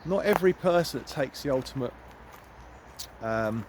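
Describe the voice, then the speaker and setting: A middle-aged man talks straight to his phone while walking outdoors, earnest and emphatic, often repeating his words for emphasis. His voice sits at an ordinary middle pitch. Faint outdoor noise runs under the recording. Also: lively intonation, normal speed. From United Kingdom. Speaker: empowerment coach. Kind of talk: walking vlog monologue. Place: outdoors in woods.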